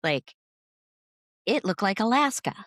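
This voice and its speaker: A woman's voice: medium pitch, big pitch swings, a little slow, a bit bright, no echo, clean studio sound. A woman co-hosting a podcast, telling a long story in casual chat with lots of fillers and restarts. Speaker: podcast co-host.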